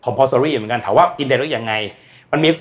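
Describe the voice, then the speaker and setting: A man's voice: medium pitch, moderate pace. A man talking as a guest expert on energy and climate in casual, blunt, slangy speech, acting out quoted voices. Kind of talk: casual explanatory talk.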